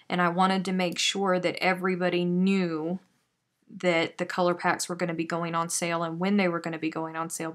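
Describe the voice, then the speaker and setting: A chatty woman with a lowish, fairly bright voice hosts a live crochet stream. She chats casually while crocheting and reading viewer comments, sighing, laughing and poking fun at herself.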